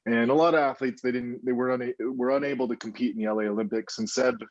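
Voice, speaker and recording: A man in his thirties, an indie film producer telling stories in a casual interview, animated and rambling with many restarts. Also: mid-range voice, fast talker, no echo, muffled recording.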